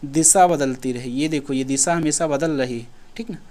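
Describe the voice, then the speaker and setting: A man's voice: a little high, moderate pace, mellow. A man teaching an exam-prep lesson in a casual way, asking questions and answering them himself. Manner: casual, repeats himself, asks and answers his own questions.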